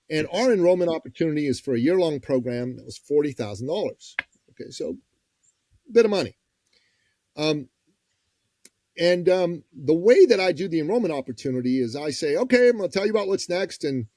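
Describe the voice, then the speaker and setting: A man, a business coach and podcast guest, telling a story in a lively, folksy way and acting out the people he quotes. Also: a little high, no echo. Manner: lively, acts out quoted voices; direct, folksy phrasing. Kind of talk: conversational storytelling.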